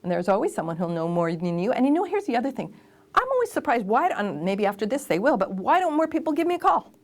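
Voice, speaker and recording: A woman voice actor and casting director giving lively, emphatic advice in a conversational interview. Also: a little high, quick pace.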